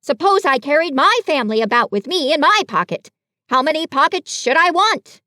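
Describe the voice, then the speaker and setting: A woman voicing a fussy, bossy male rabbit in a storybook reading, loud and self-important. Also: high voice, animated, normal speed, no echo, clean studio sound, pitched above the performer's own voice.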